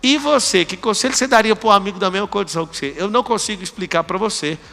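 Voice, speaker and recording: A Brazilian man gives a motivational talk to a live audience with commanding energy, and he acts out little exchanges with his students. His voice sits high and has a gravelly edge. It rings out with a long reverb through the large hall. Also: quick pace, sharp tone. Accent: Brazilian Portuguese. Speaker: motivational speaker.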